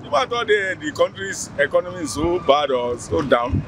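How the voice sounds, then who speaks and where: A Nigerian man in his fifties answers a street interviewer by a busy road. His voice sits a little high and he talks in a reflective, preachy way, circling back to the same points. Heavy traffic noise fills the background. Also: expressive, normal speed. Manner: reflective, preachy, repeats phrases. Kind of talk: vox pop answer. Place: roadside outdoors near a church.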